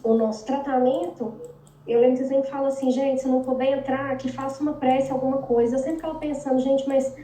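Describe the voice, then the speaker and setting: A woman's voice: high-pitched, little pitch movement, fast talker, dark tone. A woman in a study group, joining the discussion with hesitant, thinking-aloud remarks. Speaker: group participant. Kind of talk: casual discussion. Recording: distant from mic, roomy echo, faint noise.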